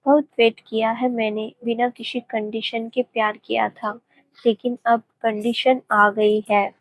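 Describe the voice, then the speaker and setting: A woman voicing a doting, playful young husband in a romance story, speaking softly and affectionately. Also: on the high side, level tone, a little slow, poor audio. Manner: soft, affectionate, teasing. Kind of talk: audiobook story reading.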